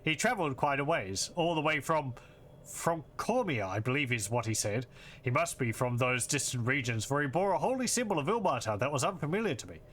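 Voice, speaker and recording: Solemn game villager, read by a man, measured storyteller, bright middle-pitched voice. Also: very animated, slight background noise. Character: solemn villager recounting mysterious disappearances.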